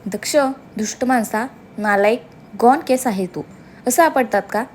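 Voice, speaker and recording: A woman's voice: on the high side, a little slow, a little hiss or hum, natural voice. A woman voicing a feisty stubborn young wife. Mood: indignant. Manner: sharp, scolding, playful.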